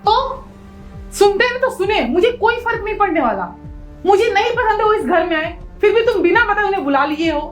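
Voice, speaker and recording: An actress playing a resentful young wife who refuses the housework, talking in a sharp, defiant, complaining way. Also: female voice, very high-pitched, expressive, brisk, soft background music.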